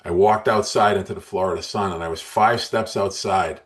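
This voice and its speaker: A man's voice: low-pitched, steady tone, moderate pace. A man in his sixties, an interview guest telling his story in an earnest, emotional way with frequent restarts. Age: 60s.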